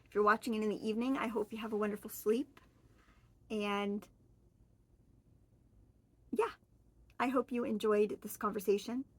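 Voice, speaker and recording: This Oregon vlogger, a woman in her forties, chats to camera on her own, friendly and rambling, with fillers and self-corrections along the way. Her husky, medium-pitched voice holds a steady tone at normal speed, with long pauses.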